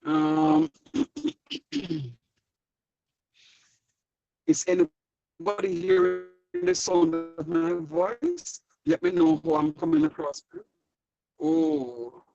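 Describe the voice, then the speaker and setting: Gravelly teacher, audio breaking up. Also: male voice, very high voice, huge pitch swings, slow pace, long pauses, warm tone, no echo. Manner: keeps asking whether he can be heard. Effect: choppy audio breaking up over a bad connection. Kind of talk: online class over a video call. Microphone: video call. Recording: dull lo-fi call audio, faint music.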